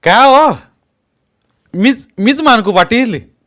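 Storybook: male reader playing a shrill, cowardly village bully. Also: lively intonation, takes it slowly, fairly bright tone, full character voice. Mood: defiant. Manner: shrill, blustering, panicky. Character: blustering village headman, bully turned coward.

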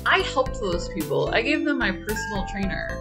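A woman's voice: mid-range voice, sing-song, a little fast, over loud music. A woman chatting through a video game as its streamer, playful and wry, often exclaiming.

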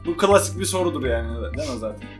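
A young man with a high voice hosts casually in slangy, teasing banter. He is prone to breaking into giggles, and faint music plays behind him in a room at home. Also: lively intonation, racing. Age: young adult. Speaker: YouTube host and joke challenge contestant.

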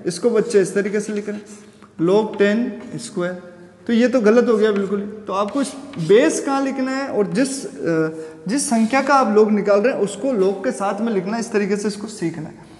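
High-voiced man teaching physics, echoey room. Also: darkish tone. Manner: explains step by step with questions to students; chants Sanskrit verses slowly. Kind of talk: classroom lecture.

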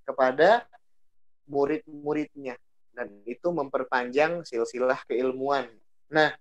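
A woman giving a casual religious talk. She repeats phrases for emphasis and swings her delivery expressively. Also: mid-range voice. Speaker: religious speaker.

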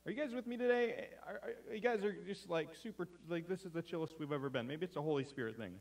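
A man's voice: high voice, fast talker, creaky, darkish tone, recorded from a distance. A man preaching a sermon as pastor, chatty and self-deprecating, often stumbling and restarting mid-sentence. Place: church sanctuary.

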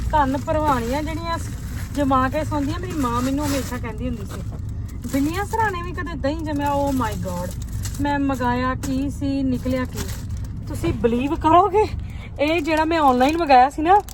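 A woman from India chatting casually in a vlog, dramatic and exclamatory in a comically exasperated way. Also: normal speed. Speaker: vlogger. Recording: clearly noisy background, traffic-like rumble.

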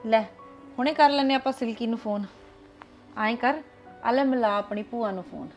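A protective older grandmother, played by a woman, who comforts and commands at once. Her voice sits a little high. Faint music plays underneath. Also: normal speed, lo-fi sound, natural voice. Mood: doting. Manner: warm but bossy. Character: doting grandmother, protective and firm.

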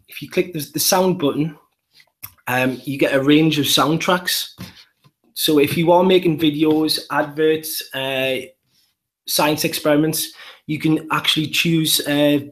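A man with a Geordie accent, a primary school teacher, walking through an app demo step by step in an upbeat way. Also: a little high. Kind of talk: live app demonstration.

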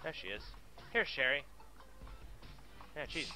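A man streaming a game live, his voice bright and forceful with wide, lively swings in pitch. He is excitable and profane, barking orders at his viewers in casual chat. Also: unhurried, soft background music.

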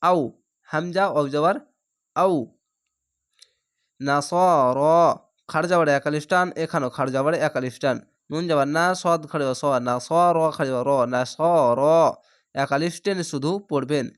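Guy teaching quran reading step by step, slightly high smooth voice, spells every letter out patiently. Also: measured pace, pauses often. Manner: patient, spells each letter and vowel, then blends the syllables. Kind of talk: slow spelled-out recitation lesson.

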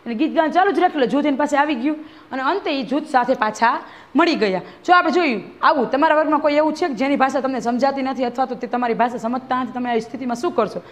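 A woman's voice: high-pitched, quick pace. A woman schoolteacher, reading a textbook lesson aloud to a class and re-explaining each line, often checking that the pupils follow. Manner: reads a line then re-explains it, often asking "બરાબર છે?".

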